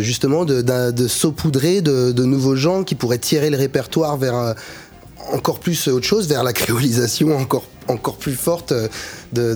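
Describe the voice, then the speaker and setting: Halting male musician in an interview. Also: medium pitch, a little mellow. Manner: halting, searching, restarts phrases often. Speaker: musician guest. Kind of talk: casual interview talk.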